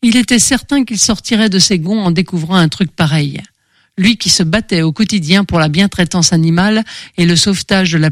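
A woman narrating a first-person novel in an audiobook, steady and expressive. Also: on the low side, no room sound.

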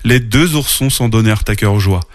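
A man narrating a children's storybook aloud in a playful, expressive read-aloud manner. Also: lowish voice, moderate pace, no room sound, clean studio sound.

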